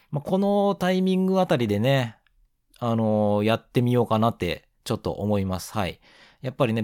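A man of around forty with a nasal, stuffed-up voice from hay fever, hosting a casual solo gaming podcast in a polite, unhurried way. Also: medium pitch, a little mellow, dry recording, studio quality. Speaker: podcast host.

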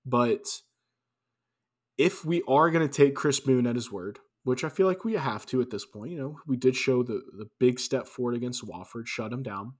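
A man's voice: mid-range voice, normal speed. A man co-hosting a casual sports podcast, talking loosely with restarts and wry asides. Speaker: podcast co-host.

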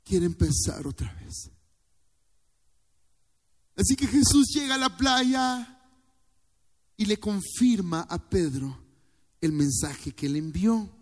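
A man's voice: high-pitched, animated, takes it slowly, long pauses. A male pastor preaching a fervent sermon, calling on the congregation to repeat phrases after him. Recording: long church hall reverb.

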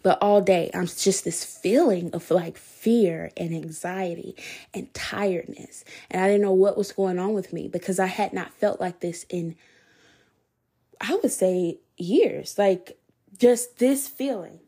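A woman's voice: lowish voice, measured pace, mellow, slightly rough. A woman hosting a podcast, candidly telling her personal faith testimony in a conversational, preacherly way. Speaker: podcast host.

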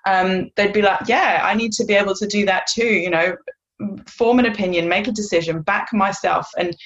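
A woman in her thirties talks through her answers in a loose, chatty way, with plenty of fillers along the way. Her voice sits a little low. The sound is muffled and lo-fi, like a video call. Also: a bit bright. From North Wales. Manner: chatty, many fillers, laughs easily. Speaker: guest. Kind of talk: casual interview answers.

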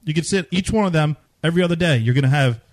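A man's voice: on the high side, lively intonation, very fast. A man co-hosting casual sports banter in a home basement, blunt and full of wisecracks. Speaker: co-host.

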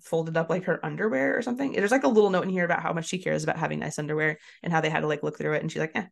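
A woman's voice: low voice, steady tone, very fast, gravelly. A young woman co-hosting a book podcast, chatting casually with lots of fillers and giggles and reading passages aloud. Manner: giggly, filler-heavy, laughs often. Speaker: podcast co-host.

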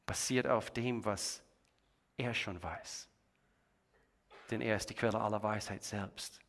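A male pastor delivering a sermon in a dramatic, expressive way, with strong swings in volume. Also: slow pace, gravelly, a little hiss or hum. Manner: dramatic, swings between booming and hushed.

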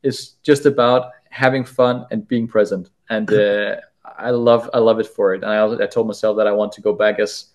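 Halting, low-voiced male podcast guest. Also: steady tone. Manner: halting, repeats words often while telling a story. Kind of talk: casual storytelling interview.

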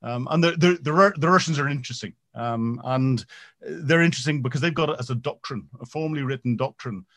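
A military veteran with a medium-pitched voice answers interview questions haltingly, full of ums and false starts. He grows more animated as he goes on.

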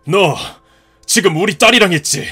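A man voicing a gruff, hot-tempered ex-marine father in his fifties who scolds and shouts in a cartoon story. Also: sits high, expressive, normal speed, soft background music, full character voice. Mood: furious. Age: 50s.

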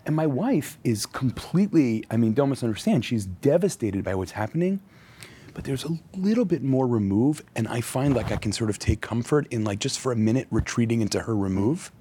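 A rabbi appears as a podcast guest in a thoughtful interview, speaking earnestly and reflectively with the occasional wry aside. His mellow, mid-range voice is animated and fairly quick, with slight background noise.

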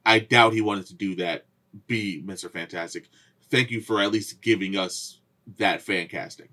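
A man co-hosting a casual podcast, teasing his partner and laughing often, sometimes dropping to a low mutter. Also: moderate pace. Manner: teasing, laughs a lot, drops low and quiet. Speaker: podcast co-host. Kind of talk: casual chat.

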